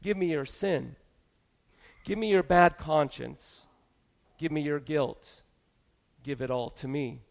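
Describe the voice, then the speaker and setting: A man's voice: a little high, slow, creaky, long pauses. A man preaching, voicing the Christ child with solemn, emphatic repetition. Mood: impassioned. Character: the Christ child speaking, calm and commanding.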